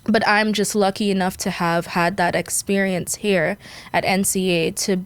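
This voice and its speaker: Speaking casually as an interview guest on a podcast, a young adult woman from Guyana laughs a lot and fills her talk with fillers. Her mid-range voice holds a steady tone at a moderate pace, clean and dry.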